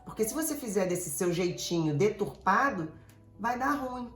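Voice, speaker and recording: A Brazilian woman therapist giving an animated, digressive motivational talk, speaking straight to her listeners. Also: mid-range voice, moderate pace, reverberant, faint music behind. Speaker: emotional therapist.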